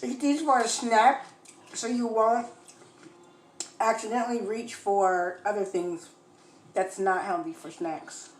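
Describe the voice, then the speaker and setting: A woman's voice: on the high side, steady tone, slow, long pauses. A young woman chatting casually to viewers as a mukbang host, chewing while she talks. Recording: echoey room with faint noise. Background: faint household noise, children in background.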